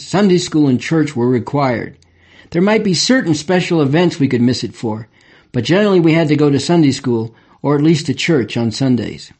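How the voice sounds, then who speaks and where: Older man, slightly higher voice, wry and reflective memoir reader. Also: a little mellow. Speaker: memoir narrator. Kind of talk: audiobook memoir reading.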